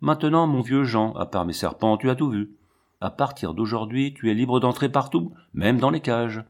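A man's voice: mid-range voice, normal speed, natural voice. A man reading the part of a proud, brusque male lion tamer showing off his animals. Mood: boastful. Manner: boastful, brusque.

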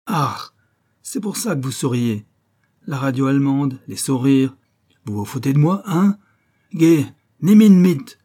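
A man's voice: fairly high pitch, lively intonation, moderate pace, dark tone, slightly rough, voice pushed up. A man doing an icy young SS officer. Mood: menacing. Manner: barked orders, icy and contemptuous. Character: cold arrogant young male SS officer.

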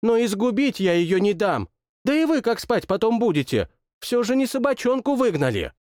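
A man's voice: high-pitched, big pitch swings, moderate pace, darkish tone, no room sound, clean studio sound, pitched above the performer's own voice. A man voicing a blunt reproachful cook. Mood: defiant. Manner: muttering, reproachful. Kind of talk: audiobook narration.

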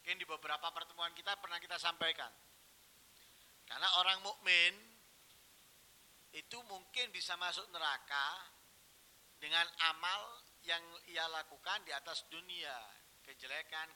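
A man preaching a sermon, telling stories and swinging from hushed, quiet phrases to loud, emphatic ones. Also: a little high, slight background noise, poor audio.

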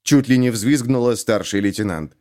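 A man narrating an audiobook with expressive storytelling. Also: mid-range voice, normal speed.

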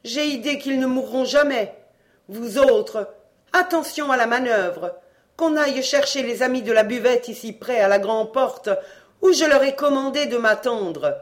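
An audiobook reader voicing a bossy, loud-mouthed mother of a poor family who scolds and gives orders. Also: unhurried, close to an everyday voice. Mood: scolding. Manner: scolding, commanding, shrill. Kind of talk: audiobook reading, acted dialogue.

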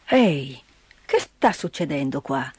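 A woman voicing a grumpy old mountain grandfather who speaks curtly and gruffly in a storybook reading. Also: a bass voice, very animated, a little slow, no echo, voice pushed down, heavily acted. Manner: curt, gruff, muttering.

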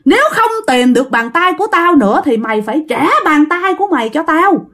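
A woman's voice: mid-range voice, expressive, moderate pace, warm tone, husky. A woman voicing a vengeful old male ghost who threatens harshly in a raised voice. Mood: menacing.

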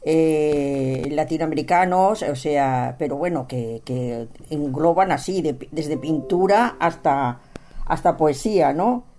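Chatty woman from spain hosting, low mellow voice. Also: slow pace. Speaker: host. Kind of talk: radio interview.

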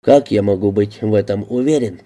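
A man reading an audiobook, voicing a calm, dry-humoured police detective. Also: on the low side, brisk, close to an everyday voice. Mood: guarded. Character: guarded, wry male police detective.

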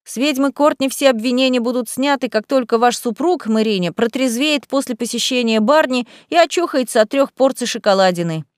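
Woman reading a brisk gentleman in charge, storybook, dry close read. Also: on the high side, no room sound, pitched above the performer's own voice, lightly acted. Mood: commanding. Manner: commanding.

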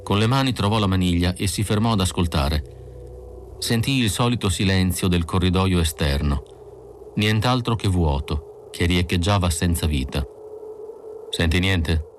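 A man narrating an audiobook with slow, measured reading. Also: deep voice, animated, a little hiss or hum. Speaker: audiobook reader.

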